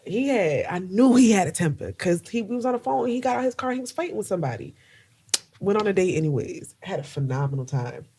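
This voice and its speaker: A woman's voice: mid-range voice, big pitch swings, quick pace, noisy background. A young woman from New Jersey co-hosting a podcast in casual chat, joking and laughing often. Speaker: podcast co-host.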